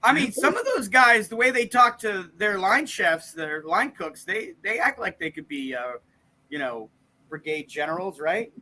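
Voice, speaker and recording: A man's voice: sits high, very animated, moderate pace, sharp tone. A man co-hosting a casual comedy news chat, riffing and rambling. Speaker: comedian co-host.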